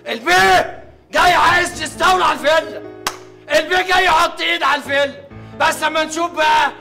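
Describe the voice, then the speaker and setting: Hot-tempered Egyptian brother. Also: male voice, very high voice, expressive, echoey room, soft background music, exaggerated voice. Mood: threatening. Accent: Egyptian Arabic. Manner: quick-tempered, shouting, mocking. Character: hot-tempered young man defending the family villa. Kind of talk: Egyptian film drama.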